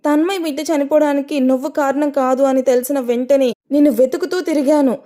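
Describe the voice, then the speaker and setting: A woman's voice: high voice, fairly even intonation, a little fast, dark tone, pitched above the performer's own voice, lightly acted. A woman voicing an anguished young man who pleads and accuses in a raised voice. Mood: pleading, heated.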